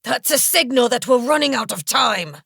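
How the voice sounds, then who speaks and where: A man's voice: a little high, lively intonation, unhurried, creaky, fairly bright tone, no echo, clean studio sound, voice pushed up, exaggerated voice. A man voicing a tense young woman adventurer. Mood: urgent.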